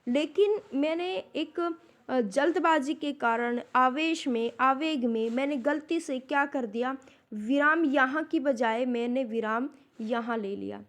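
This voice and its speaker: A woman teacher lecturing her students, asking rhetorical questions and explaining each point slowly and deliberately. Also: high-pitched. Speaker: Hindi literature lecturer. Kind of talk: classroom lecture.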